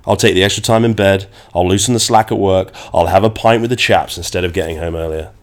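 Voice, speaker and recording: Guy podcasting solo, deep voice but nasal from a cold, wordy dramatic storyteller. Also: quick pace. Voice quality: nasal, congested. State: getting over a cold. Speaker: podcast host. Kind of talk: conversational solo podcast monologue.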